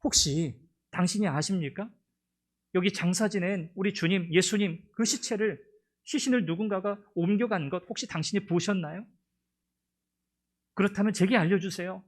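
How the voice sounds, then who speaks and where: A woman's voice: medium pitch, moderate pace, pitched above the performer's own voice, close to an everyday voice. A male pastor voicing a grieving woman who pleads tearfully at a tomb. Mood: pleading.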